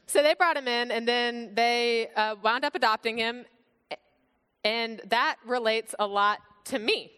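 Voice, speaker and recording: A woman's voice: a little high, unhurried, sharp tone, clear, resonant tone. A young woman from Bulgaria sharing her testimony with a youth group, upbeat and chatty with many fillers. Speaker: youth speaker. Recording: long hall reverb.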